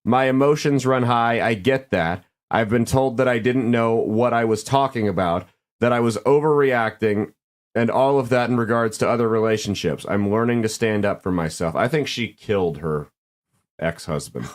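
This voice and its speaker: A man's voice: medium pitch, normal speed. A man hosting a podcast, reading advice letters aloud and joking sarcastically about them in casual commentary.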